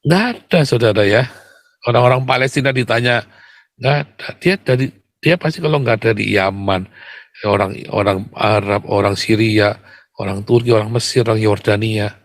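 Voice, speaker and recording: A man delivering an impassioned, combative monologue to his viewers. He keeps calling them brothers and sharply jumps up in pitch whenever he makes a point. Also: normal speed, no echo. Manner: emphatic and combative, keeps addressing listeners as brothers.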